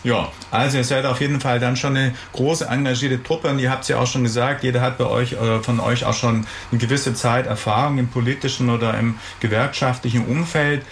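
Gravelly, rambling radio host. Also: male voice, medium pitch, a little fast, few pauses, slight background noise. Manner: relaxed, chatty, rambling questions. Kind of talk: studio interview. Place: radio studio.

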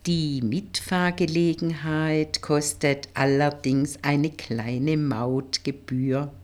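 A woman reading an audiobook, voicing a confident, flirtatious male police colleague in a slightly lowered, teasing tone. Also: animated, measured pace, slightly rough, full character voice. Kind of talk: audiobook character voice.

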